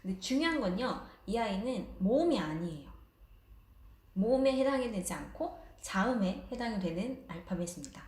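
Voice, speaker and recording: A woman teacher talks through a casual online language lesson at a mid-range pitch. She explains things patiently and breaks into light laughs now and then. Her voice carries a noticeable room echo. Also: big pitch swings, moderate pace, darkish tone.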